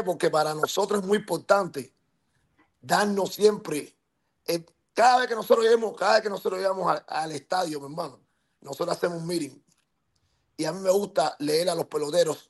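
A man's voice: fairly high pitch, a little fast. A man with a Cuban accent speaking as a podcast guest, passionate and emphatic, who keeps checking that he is understood and pushes on to hold the floor. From Cuba. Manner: insistent, interrupts to hold the floor. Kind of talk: heated podcast talk.

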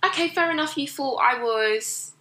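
A woman's voice: high voice, moderate pace, bright, forceful tone. Chatty young woman hosting. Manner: chatty, teasing, laughs often. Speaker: podcast host. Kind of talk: casual chat.

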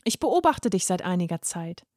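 A woman reading a storybook, voicing a calm, elegant woman who speaks slowly and reassuringly. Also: on the low side, dry recording, clean studio sound.

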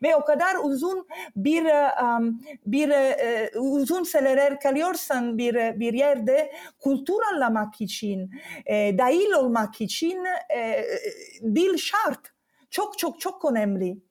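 High-pitched foreign woman, halting broken Turkish. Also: lively intonation, a little mellow. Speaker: interview guest. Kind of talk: casual conversational interview.

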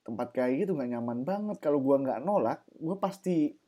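A man's voice: on the high side, lively intonation, normal speed, warm tone. A young man from Java in a casual chat, speaking thick with slang and casual swearing. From Java, Indonesia.

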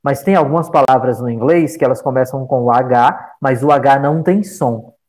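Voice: medium pitch, normal speed, darkish tone, poor audio. An English teacher with a Brazilian accent, explaining a grammar point in an online class and patiently repeating examples. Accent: Brazilian Portuguese. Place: online video call.

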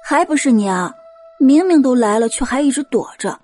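A woman's voice: high voice, lively intonation, normal speed, a little mellow, faint music behind. A woman voicing a young woman victim, scolding with tears in an audio drama. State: crying. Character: young woman victim, tearful and sharp-tongued.

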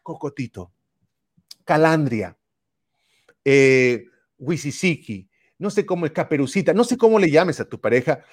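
Man, high voice, very lively melody, faith-based coaching talk, talks straight to you. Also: a little slow, pauses often. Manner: animated, addresses listener directly, many repetitions.

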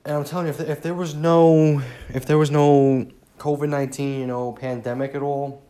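This solo podcast host pays tribute in a casual, sincere way, his mood saddened and subdued. His voice is fairly high and mellow, delivered flatly at a moderate pace, with many fillers and restarts.

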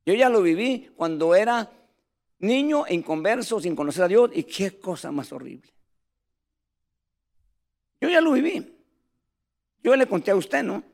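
A man's voice: high voice, sing-song, unhurried, vocal fry, long pauses. A man preaching a sermon, telling stories animatedly and calling his listeners brothers.

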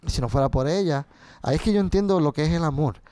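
Animated bilingual man. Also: on the high side, fast, clean tone. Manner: switches between Spanish and English, swears freely, animated storytelling. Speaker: guest. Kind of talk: casual interview chat.

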